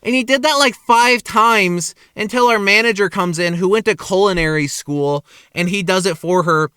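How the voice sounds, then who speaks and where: A young adult man vlogging, telling work stories in an animated, profane ranting way. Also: high voice, normal speed, smooth, dry recording, studio quality. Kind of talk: casual storytelling monologue. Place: parking lot at night.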